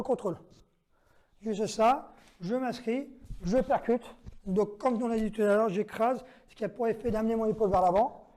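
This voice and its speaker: A man with a warm, high voice leads a self-defense demonstration lesson. Working methodically, he breaks down each move, counts it out, directs his training partner with short commands, and keeps asking "d'accord?"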